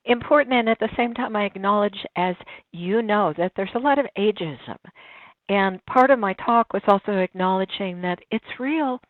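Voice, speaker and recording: A woman in her sixties, interviewed casually, reflects and tells stories, often restarting her sentences. Her mid-range voice moves at normal speed over a tinny, dry phone line with no echo.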